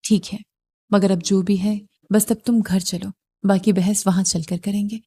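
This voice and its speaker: A woman's voice: mid-range voice, little pitch movement, dark tone, breathy edge. A woman reading the lines of a brusque, possessive young husband in an audio novel, with blunt, curt demands.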